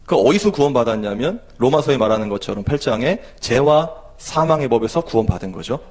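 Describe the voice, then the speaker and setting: A man's voice: mid-range voice, lively intonation, fairly quick, darkish tone. Impassioned Korean man preaching. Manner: emotional, rising to pleading intensity. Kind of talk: sermon testimony. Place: church sanctuary.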